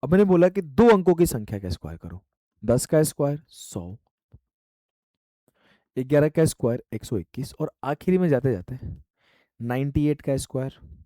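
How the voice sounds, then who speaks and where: A man's voice: medium pitch, dark tone, dry recording. A man teaching math in an online exam-prep lecture. He speaks straight to his students, asks them questions, and voices their answers back.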